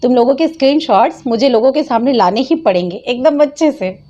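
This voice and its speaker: High-pitched lady ranting and mocking in a reaction vlog, laughs a lot, muffled lo-fi sound. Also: warm tone. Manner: scolding, mocking, laughs often. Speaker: channel host.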